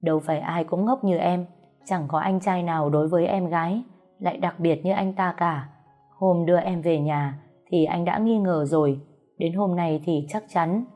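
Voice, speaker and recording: A woman reading a gruff, tender young husband. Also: on the low side, normal speed, close to an everyday voice. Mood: soothing. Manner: scolding then soothing, plain speech. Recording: soft music behind the voice.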